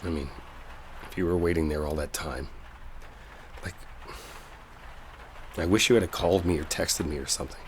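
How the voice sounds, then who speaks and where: This intimate roleplay audio features a deep-voiced male actor as an earnest, smitten office colleague resolving a misunderstanding in a one-sided conversation. He confesses in a halting, colloquial way with fairly even intonation, sounding tender and regretful, as faint rain falls behind a little hiss or hum.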